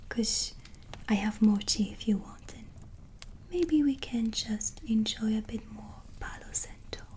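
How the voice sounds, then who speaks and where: In this soft-spoken ASMR roleplay, a woman lightly acts as a gentle witch, her voice on the high side and reduced to a soft, breathy near-whisper. She sounds warm and soothing, speaking slowly and hesitantly, with relaxing music and ambience in the background.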